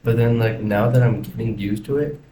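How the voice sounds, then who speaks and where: This young American man has a mellow, fairly low voice and talks a little fast. He's a vlogger musing casually and reflectively in a rambling personal video diary, filmed inside a house with a roomy echo and faint background noise.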